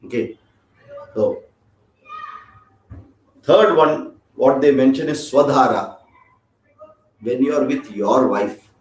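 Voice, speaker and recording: Indian man teaching in a roomy hall. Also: mid-range voice. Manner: chatty and joking, often checks in with the class. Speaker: scripture teacher. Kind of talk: informal scripture class. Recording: roomy echo.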